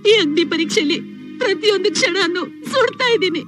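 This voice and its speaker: A woman's voice: very high-pitched, expressive, fairly quick. An actress playing a remorseful mother who pleads for forgiveness through tears, in film melodrama dialogue with music underneath. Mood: anguished. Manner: tearful, anguished pleading.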